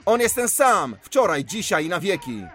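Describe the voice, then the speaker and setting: High-voiced man preaching a sermon. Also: big pitch swings, normal speed, faint music behind. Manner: emphatic storytelling preaching.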